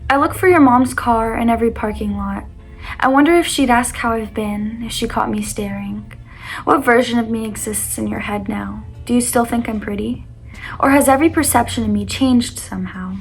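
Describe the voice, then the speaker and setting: A young adult woman vlogger reads her own personal poems aloud with soft music playing behind her, adding casual commentary. Her voice is a little high and gravelly at normal speed, and she sounds earnest, vulnerable and slightly self-conscious.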